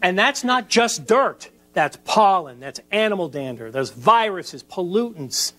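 A middle-aged man presenting a product demonstration pitch, emphatic, with punchy repeated phrases. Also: sing-song, measured pace, bright, forceful tone. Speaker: infomercial presenter. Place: furnished living room indoors.

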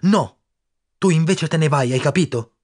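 Audiobook figure: a desperate young boy, urgent and pleading, husky and pitched up high, as a male reader puts him on. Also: lively intonation, moderate pace.

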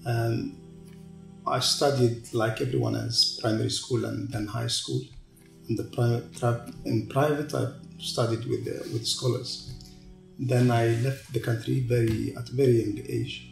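A gravelly-voiced middle-aged man from Tunisia answers interview questions in a measured, pausing way. The sound carries the echo of a large room, and faint music runs underneath. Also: medium pitch, flat delivery. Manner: measured, pausing speech with repeated restarts. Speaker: guest, TV channel executive. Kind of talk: sit-down interview. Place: large open-plan office.

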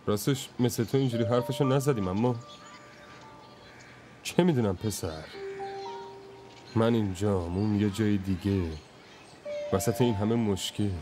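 A man's voice: fairly low pitch, long pauses, over music, close to an everyday voice. A man dubbing a subdued, resigned young man in a drama series. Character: brooding young man, separated from his girlfriend. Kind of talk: Persian dub of a drama series.

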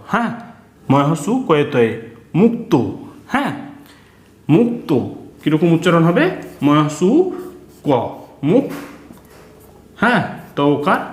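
A man teaching children to read, slowly spelling out joined letters and asking questions back. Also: fairly high pitch. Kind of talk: reading lesson for children. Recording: echoey room.

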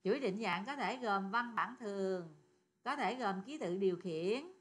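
A woman's voice: medium pitch, lively intonation, a little slow. A woman teaching a programming lesson, chatty and often asking her students questions. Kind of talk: screen-recorded coding lesson.

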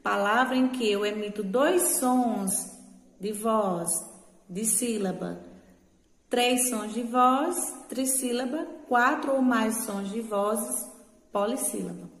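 A Brazilian woman teacher giving a remote lesson, talking patiently, repeating words slowly and checking in with short tag questions. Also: on the high side. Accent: Brazilian Portuguese. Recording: echoey room with long reverb.

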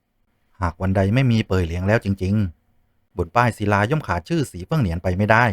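A man voicing a calm, composed male official with a deep, measured voice. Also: dry recording, studio quality, lightly acted. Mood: frank.

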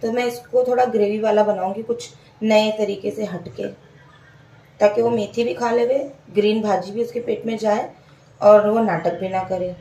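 A woman's voice: mid-range voice, fairly even intonation, moderate pace, dark tone. A woman, casually narrating a home cooking vlog and explaining each step to her viewers. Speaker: home cook vlogger. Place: home kitchen. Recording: echoey kitchen, mic far off.

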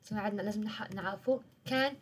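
A woman's voice: medium pitch, fast, breathy edge. A woman with an Algerian Arabic accent giving a live-streamed English revision lesson, switching between Arabic, French and English words and checking in with "okay?". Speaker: English teacher.

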